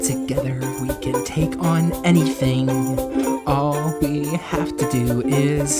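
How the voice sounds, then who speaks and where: A woman's voice: low-pitched, fairly even intonation, slow, loud music behind the voice. A woman voicing a cheerful singing companion. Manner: cheerful and encouraging, bursts into song. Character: cheerful upbeat companion who loves singing. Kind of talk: musical audio drama acting.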